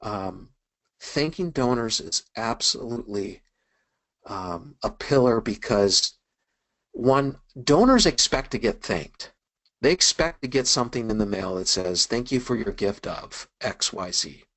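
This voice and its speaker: A man's voice: on the low side, animated, unhurried, a bit bright, dry recording, low-quality recording. A middle-aged man presenting a fundraising webinar in a casual, conversational way, with frequent ums and you-knows as he tells stories. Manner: casual, conversational, many fillers like um and you know.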